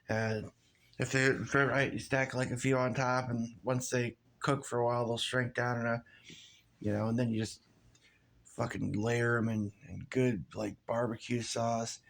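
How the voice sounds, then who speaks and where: A man's voice: mid-range voice, little pitch movement, a little slow, gravelly, a bit bright. Rambling, foul-mouthed guy venting into his camera in an everyday mid-range voice. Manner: profane, rambling, loose and frustrated. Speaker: vlogger. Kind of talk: casual rant to camera.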